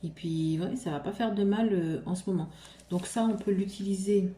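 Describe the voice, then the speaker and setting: Woman vlogger, casual haul chat, hesitant with lots of fillers, mellow tone, roomy echo. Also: mid-range voice, normal speed. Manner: hesitant, full of fillers and restarts. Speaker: vlogger showing shopping haul. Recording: roomy echo, faint room ambience.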